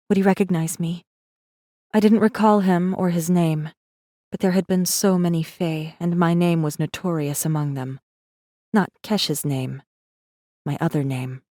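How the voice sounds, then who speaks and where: Voiced by a woman with a deep, dark tone, a guarded rebel messenger narrates her story in first person for an audiobook. Her delivery is tense, measured and dramatic, captured in a very dry, close recording.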